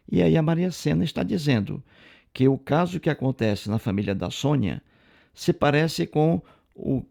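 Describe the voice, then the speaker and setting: Gravelly-voiced man lecturing emphatically. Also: medium pitch, mellow. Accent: Brazilian Portuguese. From Brazil. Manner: repetitive, emphatic, lecturing, heavy use of fillers. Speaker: video commentator. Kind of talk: didactic commentary on viewer comments.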